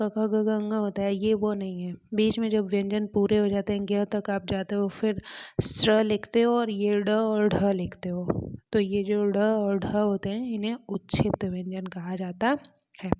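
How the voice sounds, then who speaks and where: A woman teacher slowly going through exam questions one by one, repeating each example sentence as she explains it. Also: medium pitch, level tone, mellow. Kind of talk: exam question walkthrough lesson.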